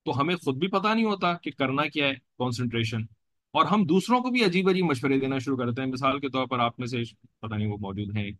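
A man's voice: mid-range voice, animated, quick pace, fairly bright tone, dry recording. Dry-voiced man teaching a sermon. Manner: explanatory, repeats phrases, frequent "theek hai" check-ins. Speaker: religious teacher. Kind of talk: Islamic sermon lecture.

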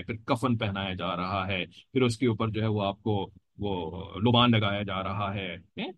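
A man's voice: on the low side, no room sound, dull audio. Dry-voiced man teaching a sermon. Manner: explanatory, repeats phrases, frequent "theek hai" check-ins. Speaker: religious teacher. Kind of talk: Islamic sermon lecture.

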